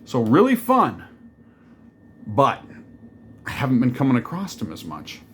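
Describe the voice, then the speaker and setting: A man's voice: mid-range voice, wildly swooping pitch, a little slow, a bit bright, a little hiss or hum. A man casually walking through a card game deck, rambling and joking, with many fillers and digressions. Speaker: deck reviewer.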